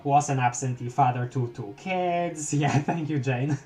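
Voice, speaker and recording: A man's voice: mid-range voice, unhurried, a little mellow, faint music behind. A young man streaming a live read of a webcomic, rambling and stammering as he chats with his viewers. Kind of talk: live-reading a webcomic aloud.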